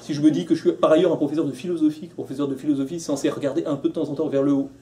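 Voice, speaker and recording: A man's voice: a little high, steady tone, very fast, music in the background. A man teaching a philosophy class, talking freely and acting out little quotes with many restarts. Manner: conversational, with restarts and acted-out quotes. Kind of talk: live lecture to a class.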